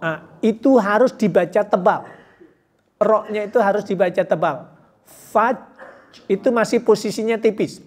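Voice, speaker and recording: A man teaching Quran pronunciation in a mosque hall, demonstrating letter sounds slowly and counting the class in before each repetition. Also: high-pitched, darkish tone. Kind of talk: tajwid pronunciation lesson in a mosque study circle.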